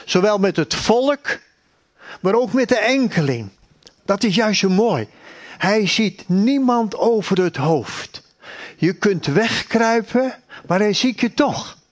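Slow, earnest high-voiced male preacher. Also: animated. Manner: slow, deliberate and earnest, with repeated phrases. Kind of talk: sermon.

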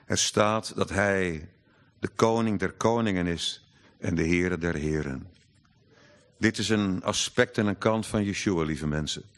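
Earnest low-voiced preacher. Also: male voice. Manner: earnest, emphatic, slows for scripture readings. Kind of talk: sermon.

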